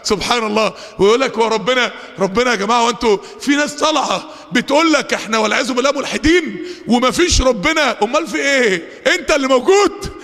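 An Egyptian preacher gives a fiery Friday sermon, his high, bright voice carrying a gravelly edge and a strong Egyptian Arabic accent. He talks fast, racing through asides before drawing verses out in a shouted chant. The long reverb of a big hall rings around him.

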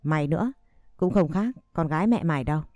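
A woman's voice: low voice, lively intonation, fairly quick, a little mellow, no echo, studio quality. A woman voicing a harsh, scornful stepmother who hurls insults and threats in an audio story. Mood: contemptuous.

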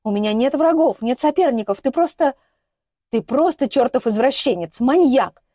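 Woman voicing a shrill defiant young captive. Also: lively intonation, normal speed, no room sound. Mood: furious. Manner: shouting, hysterical outbursts.

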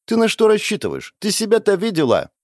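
A man's voice: high-pitched, wildly swooping pitch, fairly quick, no room sound, studio quality, voice pushed up. Man playing a haughty, sneering horned beauty. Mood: mocking. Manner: mocking, condescending. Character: tall, haughty, sneering young horned woman.

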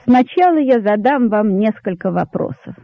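A man's voice: sits high, animated, moderate pace, creaky, no room sound. A man voicing a crafty old rabbit king. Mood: sly, grandiose. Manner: sly orator, stately speechifying. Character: elderly rabbit king, crafty and pompous, male. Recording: dull lo-fi dry recording.

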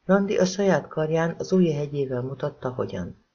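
A man reading a novel aloud as an audiobook narrator, measured and even. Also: on the high side, muffled recording, a little hiss or hum. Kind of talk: scripted narration.

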